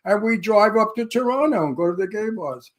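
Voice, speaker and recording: A man's voice: sits high, animated, fairly quick. A man with a Brooklyn, New York accent chatting casually as a co-host, blunt and brash, using crude street slang. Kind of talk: casual chat.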